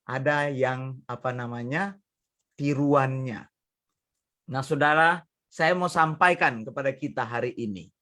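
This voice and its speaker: A male pastor preaching a sermon in a lively storytelling manner, often chuckling and addressing the congregation directly. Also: medium pitch, unhurried, long pauses.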